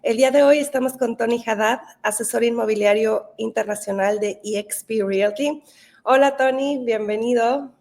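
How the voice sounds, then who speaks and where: Gravelly higher-voiced woman host. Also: moderate pace, darkish tone. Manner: friendly, short backchannels. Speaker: interview host. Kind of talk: hosted interview.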